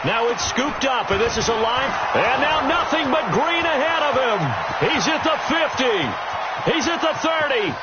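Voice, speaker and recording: An American man as a football play-by-play announcer, making an excited touchdown call with his voice rising on the big play. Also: extremely high pitch, slow, exaggerated voice. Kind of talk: live-style American football play-by-play commentary. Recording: dull audio under loud crowd noise.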